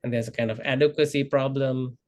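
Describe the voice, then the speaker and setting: Thirties male presenter from Sri Lanka, video call, halting delivery, many fillers, mid-pitched voice. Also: fairly even intonation, darkish tone. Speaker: guest speaker. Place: indoor room.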